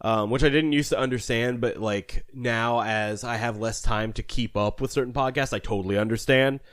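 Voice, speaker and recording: A man's voice: medium pitch, normal speed, smooth, no room sound. Young male podcast co-host, easygoing and self-deprecating, tells campfire-style stories; dry close-miked sound. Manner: chatty, self-deprecating, laughs easily. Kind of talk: casual chat and story narration.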